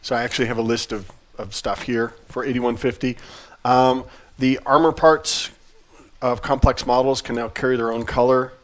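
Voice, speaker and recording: Male livestream co-host, mid-range voice, relaxed and chatty, dry humor, loose delivery full of restarts. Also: mid-range voice, normal speed. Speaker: game studio CEO co-hosting a livestream. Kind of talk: casual livestream chat.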